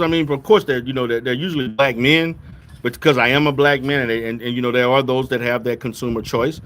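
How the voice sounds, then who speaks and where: A middle-aged therapist from Louisiana chats casually with viewers in a fairly high, slightly bright voice, with a little background noise. He keeps restarting his sentences and drives his points home with emphatic "okay?" check-ins.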